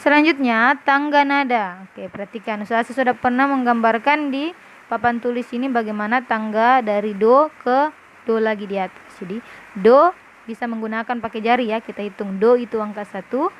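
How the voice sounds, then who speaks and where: A woman teacher with a fairly high voice goes through a lesson review for her pupils, patient and step by step. She keeps checking that they follow. A faint hiss sits under the recording. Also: normal speed. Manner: patient, explaining step by step, often asks "paham?". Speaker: primary school teacher. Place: classroom with a whiteboard.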